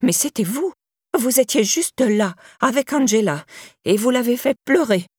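A woman voicing a suspicious, curt elderly female neighbor in an audiobook, with a sharp, accusing manner. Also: on the high side, animated, unhurried, breathy edge, no room sound, clean studio sound, voice pushed up. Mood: insistent. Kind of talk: audiobook character voice.

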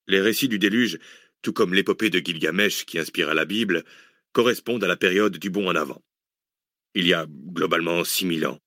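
A man voicing a learned male scholar who lectures in a measured tone in an audiobook. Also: sits low, a bit bright, dry recording, studio quality. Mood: lecturing. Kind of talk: audiobook character voice.

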